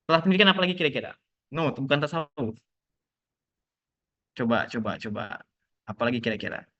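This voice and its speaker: A man's voice: mid-range voice, animated, fast, muffled recording. A young man, a lecturer, teaching a casual online class over a video call, joking and acting out the nosy questions of relatives.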